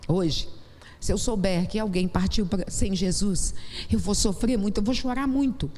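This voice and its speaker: A woman's voice: mid-range voice, normal speed, dark tone. A woman with a Brazilian Portuguese accent preaching a sermon in a church, telling her own testimony with impassioned, rising exclamations. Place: church sanctuary. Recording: long church hall reverb, faint noise.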